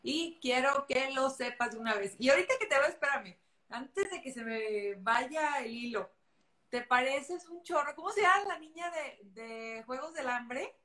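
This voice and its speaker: A woman's voice: high-pitched, expressive, normal speed, sharp tone, reverberant. A woman from Mexico with a Mexican accent, hosting a casual live video chat, playful and enthusiastic, with Mexican slang. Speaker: host. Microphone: video call.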